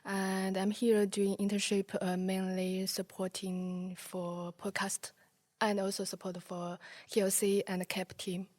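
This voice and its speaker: Halting young woman from China. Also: medium pitch, completely flat delivery, darkish tone. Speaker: intern. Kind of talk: casual interview talk.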